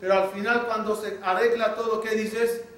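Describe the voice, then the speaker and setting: A man, a rabbi, telling a story in a sermon, acting out the dialogue with lively energy. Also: sits high, moderate pace. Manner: animated storytelling, acts out dialogue. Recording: echoey room from a distant mic, faint noise.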